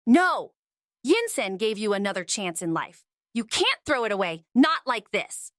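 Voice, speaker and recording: A woman's voice: mid-range voice, sing-song, moderate pace, no echo, clean studio sound, close to an everyday voice. A woman voicing an earnest, precise young cartoon woman in scripted dialogue. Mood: distraught. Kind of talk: scripted fan-dub reaction dialogue.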